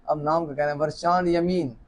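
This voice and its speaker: A man's voice: fairly high pitch, fairly even intonation, moderate pace. Chatty man hosting a live draw. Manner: chatty, joking, warm greetings to viewers. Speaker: host of a live lucky draw. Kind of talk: casual live-stream chat, reading out names. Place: office, seated alone at a camera.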